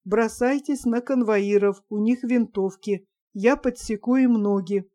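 A woman's voice: on the high side, a little slow, warm tone, natural voice. A woman voicing a stern male lieutenant colonel who speaks in a clipped, formal way. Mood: commanding.

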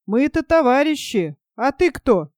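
Casting: woman doing a gruff, blunt male partisan guard, mellow tone, dry close sound, storybook reading. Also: sits high, very animated, unhurried, no echo. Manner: blunt, scolding, folksy speech. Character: gruff, stern adult male partisan sentry.

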